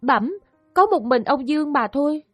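A woman's voice: high voice, expressive, moderate pace, dry recording, studio quality, soft background music. A deferential young accused woman. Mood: pleading. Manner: deferential, earnest pleading. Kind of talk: audiobook drama acting.

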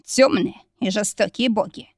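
A woman narrator voicing a sinister ancient spirit that has taken over a male demon prince, speaking slowly with quiet mockery. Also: mid-range voice, no echo, clean studio sound, lightly acted. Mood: mocking.

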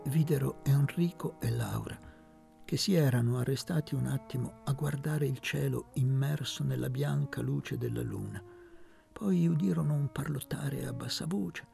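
A man reading a literary novel aloud in a measured, expressive narration. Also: mid-range voice, gravelly, faint music behind. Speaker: audiobook reader.

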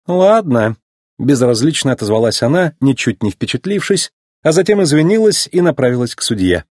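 A man narrates a storybook with an expressive, animated delivery. His pitch swings widely and his voice has a husky grain. The recording is close and dry. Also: fairly quick, no room sound. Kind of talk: storybook reading.

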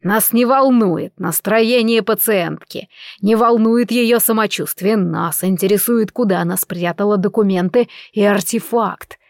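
A woman's voice: medium pitch, unhurried, no room sound, studio quality, close to an everyday voice. Cold, ruthless male healer, displeased, voiced by a woman narrator; audiobook. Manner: displeased, hissing, callous.

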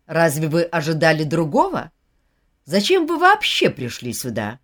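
Audiobook brief: woman reading a steely widow, curt and commanding, low voice that still swings widely. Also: big pitch swings, moderate pace. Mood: cold. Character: proud composed widow hostess, icy and sharp.

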